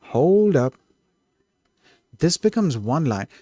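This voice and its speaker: Excitable man puzzling over code aloud. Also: on the high side, slow, no room sound, clean studio sound. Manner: excitable, self-correcting, trails off and restarts. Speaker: streamer coding live. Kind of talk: thinking aloud while coding.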